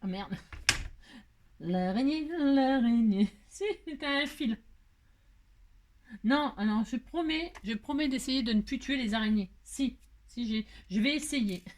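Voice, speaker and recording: Woman, crafting host, casual tutorial chat, high voice, thinks out loud. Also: measured pace, a little hiss or hum. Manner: chatty, thinks aloud and talks to herself while working; warm, affectionate sign-off to viewers. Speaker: card-making crafter and channel host.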